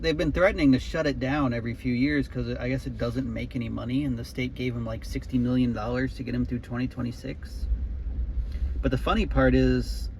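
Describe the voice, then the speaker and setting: A man chatting casually and offhand as he narrates his road trip vlog, musing as he goes. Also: medium pitch. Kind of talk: casual rambling vlog chat. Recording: muffled sound with loud background noise.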